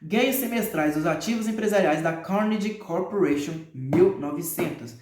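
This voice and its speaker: A Brazilian man with a rather high voice reads a nonfiction book aloud in a loose, unpolished way. He recites long strings of figures and keeps stopping for hesitant fillers and crude offhand remarks. The sound bounces around an echoey room. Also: lively intonation, moderate pace, a little mellow. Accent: Brazilian Portuguese. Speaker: reader.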